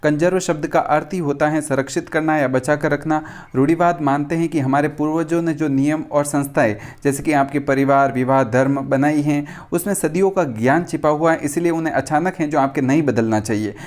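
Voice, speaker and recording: A man's voice: on the high side, fairly quick, hardly any pauses, a little mellow. A male tutor giving an exam revision lecture. He reads out questions and answers them, and keeps slipping in the same stock filler phrase mid-sentence.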